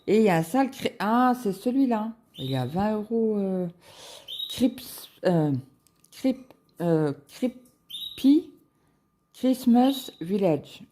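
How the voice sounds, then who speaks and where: Brief: woman, cross-stitch vlogger, unhurried and mellow, thinks aloud with lots of "euh", faint hiss behind. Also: medium pitch. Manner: musing aloud, halting, many fillers. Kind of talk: casual screen-share chat.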